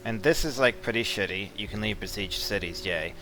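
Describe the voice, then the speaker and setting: A man giving relaxed, blunt commentary while walking through a strategy game, with mildly profane asides. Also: fairly low pitch, brisk, soft background music. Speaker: strategy game guide presenter. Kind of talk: casual gameplay commentary.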